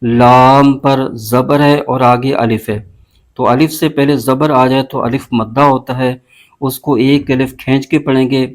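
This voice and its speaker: A man teaching recitation, moving briskly through pronunciation rules. He stretches out each syllable slowly when spelling words aloud, in a patient, methodical way. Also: medium pitch, flat delivery. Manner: slow, drawn-out spelling of syllables between brisk explanations. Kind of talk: word-by-word tajweed lesson.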